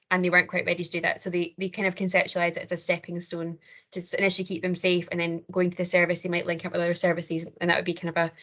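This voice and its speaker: Scottish woman presenter, quick, flat delivery, earnest, video call. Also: fairly low pitch. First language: not English. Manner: rapid, earnest explaining. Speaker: conference presenter. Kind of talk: answering audience questions.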